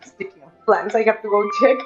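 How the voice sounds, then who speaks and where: During a relaxed gameplay stream, a Mexican woman who speaks Spanish natively chats away, welcoming viewers by name and reading out the game's text. Her pitch is medium and the audio sounds dull.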